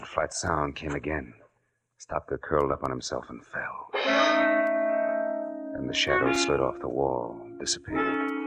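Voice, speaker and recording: A man with a rumbling low voice plays a tough, wry private detective in an old-time radio drama, delivering his lines tersely and sardonically.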